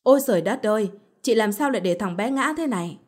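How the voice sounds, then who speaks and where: A woman's voice: expressive, quick pace, close to an everyday voice. Woman doing a scolding old mother-in-law. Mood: furious. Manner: shrill, accusing scolding.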